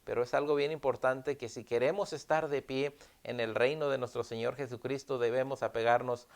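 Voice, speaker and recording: A male pastor preaching a sermon in an earnest tone, repeating key phrases and pausing with "ah". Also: medium pitch, fairly even intonation.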